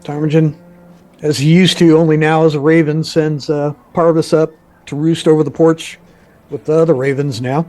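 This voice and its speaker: A man playing a tabletop game, chatting casually in a halting, offhand way. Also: fairly high pitch, flat delivery, mellow, soft background music.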